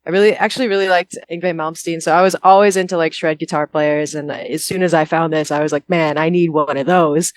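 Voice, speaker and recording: A fast-talking young American woman with a low voice, little pitch movement and a clean tone barely pauses as she speaks. The Houston-based musician and vocalist is on a bus, doing a casual interview over a call and being self-deprecating.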